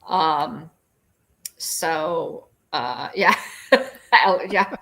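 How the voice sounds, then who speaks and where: Lady host chatting on a livestream, lowish voice, lots of ums and restarts. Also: drawn-out words, fairly bright tone. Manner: chatty, many fillers and restarts. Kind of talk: casual livestream chat, reading viewer comments.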